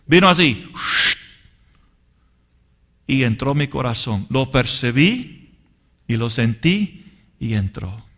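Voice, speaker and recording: Guy preaching slow and earnest, calls everyone brothers, testimony-style sermon. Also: mid-range voice, expressive. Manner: earnest, addresses listeners as brothers; deliberate and emphatic. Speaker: Bible teacher. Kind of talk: sermon teaching with personal testimony.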